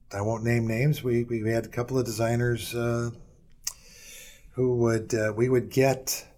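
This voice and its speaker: A man's voice: mid-range voice, darkish tone. A middle-aged man telling long career stories in an interview, hesitant and full of fillers and restarts. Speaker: interview guest. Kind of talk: casual storytelling interview.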